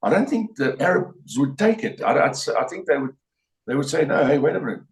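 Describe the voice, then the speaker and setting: An older South African man speaks as an interview guest, giving blunt, opinionated answers while rambling and circling back over his points with many restarts. His voice is slightly high with wide pitch swings and a fairly quick pace. He sits a bit off-mic and far away, so the room audibly rings around him.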